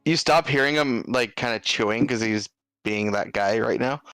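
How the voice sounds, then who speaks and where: A man's voice: mid-range voice, moderate pace, fairly bright tone, clean tone, poor audio. A man playing his character in a tabletop role-playing game, talking in short, hesitant bits. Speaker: player voicing Duke.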